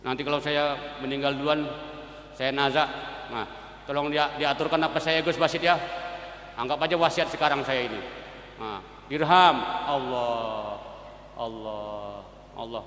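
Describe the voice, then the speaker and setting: A man preaching a sermon, animated and playful, acting out scenes. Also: fairly high pitch, moderate pace. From Indonesia. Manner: animated, playful, acts out dying men chanting. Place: large hall at a religious gathering. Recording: echoey hall with long reverb.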